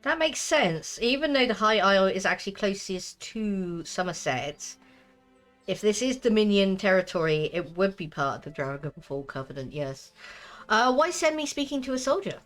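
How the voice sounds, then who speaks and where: A woman with a medium-pitched voice plays a game on stream. She comments casually and reads quest text aloud as she goes. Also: animated, normal speed, fairly bright tone, faint music behind.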